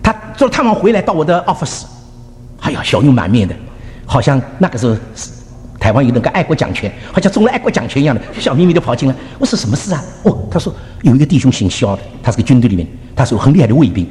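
An older male pastor tells stories in a fast, lively voice that swings widely in pitch and sits somewhat high. He chuckles and acts out what others said. The sound carries a long hall reverb with faint ambience behind. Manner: animated storyteller, chuckling, acts out quotes, mixes in English words. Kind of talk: sermon with personal stories.

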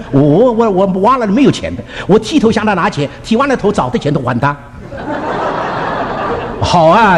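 An older male pastor tells stories in a fast, lively voice that swings widely in pitch and sits somewhat high. He chuckles and acts out what others said. The sound carries a long hall reverb with faint ambience behind. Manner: animated storyteller, chuckling, acts out quotes, mixes in English words. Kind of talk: sermon with personal stories.

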